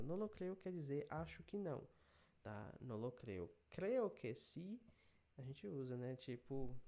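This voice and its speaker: Gravelly-voiced male language teacher. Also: mid-range voice, mellow. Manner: explanatory, checks in with "né?" and "tá?". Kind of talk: video lesson explaining a drama clip.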